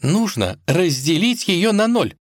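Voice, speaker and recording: A woman's voice: on the low side, big pitch swings, unhurried, dry recording, clean studio sound, pitched above the performer's own voice. A man reading a fairy tale aloud and voicing a stubborn young princess with a raised, insistent voice. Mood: determined. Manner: insistent, stamps her foot.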